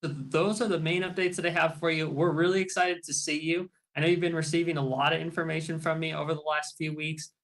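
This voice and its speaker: A man on a video call reads off practical updates for arriving students in a friendly way. His voice sits a little high for a man and carries a gravelly fry. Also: little pitch movement, fast, hardly any pauses, fairly bright tone, poor audio. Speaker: staff organizer giving updates. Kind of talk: informational webinar updates.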